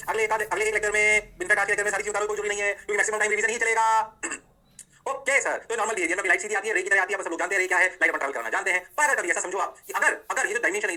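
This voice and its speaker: A man teaching physics in a fast revision lecture. He asks questions and answers them himself, slips English phrases into his Hindi, and adds playful "oh ho ho" sounds. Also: high-pitched, sharp tone.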